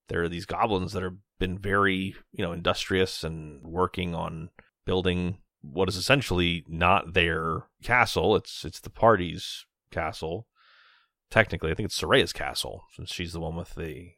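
A man with a low, fry-laden voice plays a tabletop game. He talks casually and hesitantly, working out his thoughts aloud, in a very dry, close recording. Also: steady tone, unhurried, a bit bright, no echo. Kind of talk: casual talk about a role-playing game.

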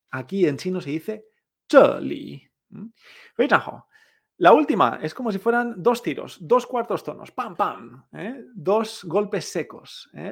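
A woman teaching Chinese tones in Spanish in a podcast lesson, lively and drilling words slowly, with frequent tag questions. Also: deep voice.

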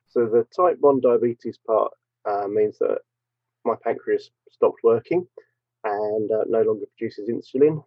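A man, a podcast guest telling his story casually with fillers, heard over a low quality stream from a dropping call. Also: no room sound. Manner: relaxed, rambling storytelling with fillers. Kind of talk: casual conversation. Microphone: remote call. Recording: tinny dry phone-line call.

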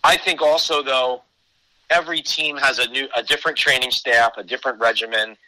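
A man's voice: medium pitch, steady tone, a little fast, pushed and bright, no room sound, rough recording. A man giving conversational sports analysis as a podcast guest, explaining his case point by point.

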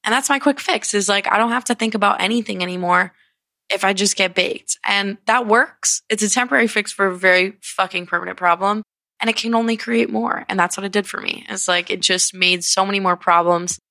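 A young woman from Connecticut, in her twenties, runs a casual solo podcast, rambling candidly with lots of fillers and swearing while sounding sniffly and congested. Her mid-range voice is brisk, creaky, pushed and bright, with no room sound in the recording.

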